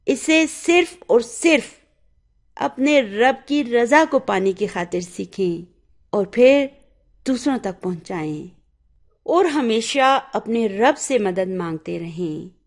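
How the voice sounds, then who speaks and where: A woman whose first language is Urdu gives an Arabic grammar lesson in a slightly high voice. She explains each point step by step and keeps checking that her students are following. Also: expressive. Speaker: Arabic teacher.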